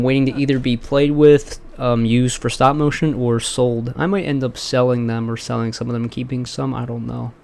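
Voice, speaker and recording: Casting: early-twenties male podcast host, loose and rambling, casual swearing, middling pitch. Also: gravelly, darkish tone. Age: 20s. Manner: rambling, profane, many fillers and restarts. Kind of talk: casual chat.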